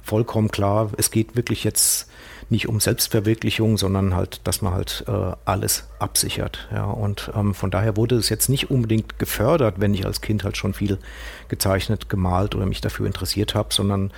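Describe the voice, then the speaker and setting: A man's voice: on the low side, flat delivery, moderate pace, gravelly, slightly rough. A man in his forties in a casual interview, talking at length about his career with many fillers and restarts. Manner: rambling, many fillers and restarts, acts out quotes. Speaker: guest, screen printer and designer.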